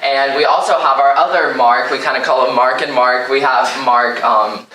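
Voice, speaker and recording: A young man hosting a casual interview show, upbeat and chatty, quick to laugh. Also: medium pitch, steady tone, sharp tone. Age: young adult. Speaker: talk show host. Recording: echoey room, mic at a distance.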